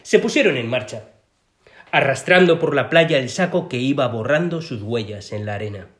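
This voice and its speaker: A man reading a children's story aloud as narrator, in an expressive way. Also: mid-range voice, normal speed. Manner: expressive, sing-song reading.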